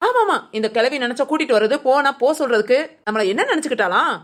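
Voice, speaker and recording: In cartoon family-drama voice acting, a performer plays an outspoken young woman who bossily orders her friend around, blunt and scornful. The voice sits high, very animated, fast, and fairly bright.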